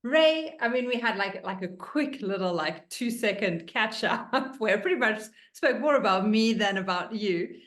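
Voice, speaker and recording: A woman hosting a relaxed interview who sounds bubbly and eager. She talks in a loose, informal way, sprinkling in plenty of fillers as she thinks aloud. Her pitch stays in an ordinary middle range. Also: normal speed, hardly any pauses. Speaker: interview host. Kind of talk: casual interview chat.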